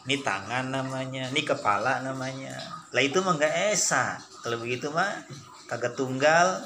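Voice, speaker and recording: Bright-voiced man teaching religion. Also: mid-range voice, moderate pace, reverberant, slight background noise. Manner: folksy and teasing, acts out mock debates with rhetorical questions. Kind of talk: casual religious study lesson.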